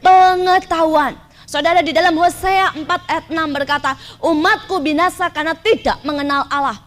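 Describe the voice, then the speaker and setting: A woman's voice: very high voice, fairly even intonation, moderate pace. A middle-aged woman preacher telling a story in a sermon, often turning to her listeners directly. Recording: faint background noise.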